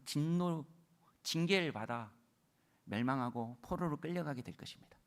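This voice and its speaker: A male pastor delivering a sermon, moving between booming proclamation and soft whispers. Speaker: senior pastor.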